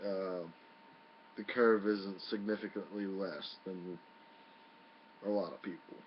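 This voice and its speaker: A man's voice: deep voice, fairly even intonation, slow, a little hiss or hum. A man giving a casual, folksy and mildly profane review in a home video. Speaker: product reviewer. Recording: muffled lo-fi home video audio.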